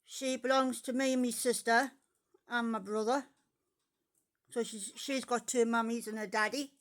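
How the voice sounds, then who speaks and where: A woman's voice: a little high, fairly even intonation, normal speed. A woman talking to her pet parrot in sing-song baby talk, coaxing it to repeat words.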